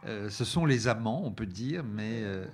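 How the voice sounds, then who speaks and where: A man's voice: fairly low pitch, expressive, a little slow. A man reviewing DVDs on a talk show, speaking with many hesitations, fillers and restarts. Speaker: film reviewer presenting a DVD selection. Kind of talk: radio-style review chat.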